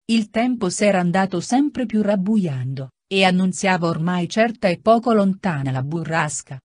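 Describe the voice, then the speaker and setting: A woman narrating an audiobook of a classic novel in a measured, even, literary reading. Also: mid-range voice, dry recording, studio quality.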